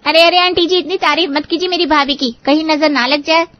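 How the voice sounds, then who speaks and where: A woman's voice: high-pitched, brisk, no echo, highs cut off, close to an everyday voice. A woman voicing a playful, teasing young sister-in-law in a cartoon. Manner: teasing, lively.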